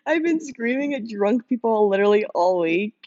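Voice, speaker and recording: A young woman livestreaming while drawing art rambles casually to her viewers, giggling often and using many fillers. Her voice is hoarse and strained, as though she's lost it from days of screaming, with medium pitch, lively intonation, and normal speed. The dull lo-fi mic gives a dry, close sound.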